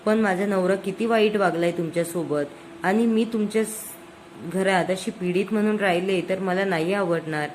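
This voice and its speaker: A woman's voice: mid-range voice, normal speed, a little hiss or hum, close to an everyday voice. A woman quoting an ashamed middle-aged woman. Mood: sorrowful.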